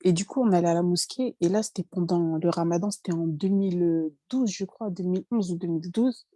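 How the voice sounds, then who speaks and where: A woman's voice: fairly low pitch, fairly quick, warm tone, dry recording. A woman in her twenties giving a hesitant, emotional personal testimony, often apologizing and restarting.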